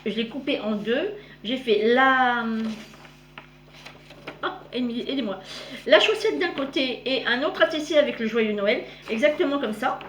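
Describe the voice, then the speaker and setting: A woman's voice: sits high, lively intonation, measured pace, a little hiss or hum. A woman chatting casually through a show-and-tell vlog, meandering and often correcting herself mid-sentence. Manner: addresses viewers warmly as "girls". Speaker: cross-stitch vlogger. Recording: roomy echo.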